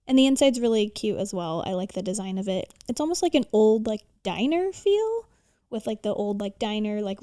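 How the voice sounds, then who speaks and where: Mellow, informal American woman co-host. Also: mid-range voice, no echo, clean studio sound. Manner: informal, peppered with "like". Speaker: podcast co-host. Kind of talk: casual travel recommendation podcast talk.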